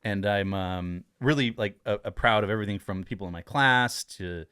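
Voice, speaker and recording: A man's voice: on the low side, normal speed, bright, forceful tone, clear, resonant tone. A middle-aged man from New Mexico, a podcast guest telling rambling, laughing stories and swearing freely. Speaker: podcast guest, pizza consultant. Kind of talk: casual chat, storytelling.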